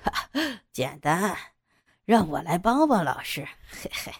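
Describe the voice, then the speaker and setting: A woman voicing a cold, sneering, domineering young man who mocks with low chuckles. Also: sing-song, unhurried, darkish tone, no echo, studio quality, full character voice. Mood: mocking.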